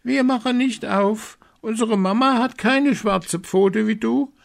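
A man voicing seven young goat kids in a storybook reading, with a high shrieking chorus voice. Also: slow, vocal fry, full character voice. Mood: defiant. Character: seven frightened little goat kids, child-high, shrill.

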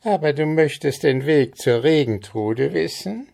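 A man's voice: on the high side, lively intonation, measured pace, gravelly, darkish tone, voice pushed up, exaggerated voice. A man voicing a small, spiteful male goblin with a quacking, squawky voice and a mocking, sing-song way of talking in an audiobook. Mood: sly. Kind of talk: audiobook character voice.

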